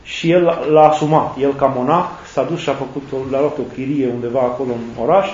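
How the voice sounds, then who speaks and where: A priest giving a sermon, slow and reflective, listing words one by one. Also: male voice, medium pitch, fairly even intonation, a little mellow, a little hiss or hum. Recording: echoey, dull lo-fi sound.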